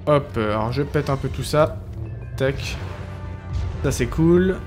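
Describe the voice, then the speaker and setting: A young man chatting excitedly and casually while commenting on his gameplay. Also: medium pitch, takes it slowly. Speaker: gaming youtuber. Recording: voice over game music.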